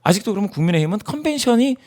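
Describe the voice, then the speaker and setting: This poll analyst, interviewed in a studio, talks in a high, sing-song voice at a racing pace, his tone somewhat dark. He lays out the polling numbers emphatically and keeps asking himself rhetorical questions.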